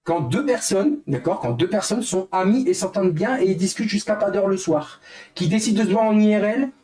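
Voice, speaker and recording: Young male streamer, upset and venting to viewers, voice sits a bit high. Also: animated, a little fast, warm tone. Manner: heated, repetitive, addresses chat as guys. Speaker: livestreamer. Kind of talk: angry live stream rant to chat.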